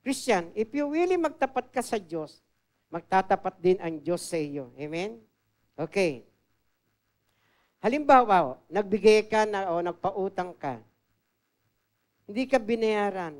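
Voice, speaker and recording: A woman's voice: mid-range voice, big pitch swings, measured pace, long pauses. Woman preaching in a storytelling way. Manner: conversational, switches often between loud and soft; drops English phrases into her talk. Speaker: preacher and assistant pastor. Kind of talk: storytelling sermon.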